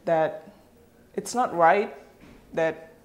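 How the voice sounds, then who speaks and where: A woman from Indonesia answering interview questions after a workshop, hesitant and full of fillers. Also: lowish voice. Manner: halting, many fillers. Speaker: workshop participant.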